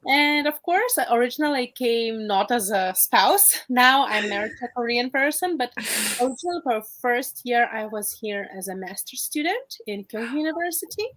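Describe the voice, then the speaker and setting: A young woman from Lithuania talks as an interview guest. Lithuanian is her first language. Her voice is high for a woman, and she tells her story in a lively, playful way. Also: normal speed, low-quality recording. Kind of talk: casual interview chat.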